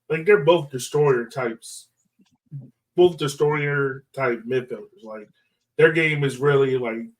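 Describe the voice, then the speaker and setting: A man co-hosting a podcast, a soccer fan, talks through soccer analysis in a casual chat that is informal, emphatic, and full of filler words. His voice is mid-range, and the low-quality recording picks him up from a distance.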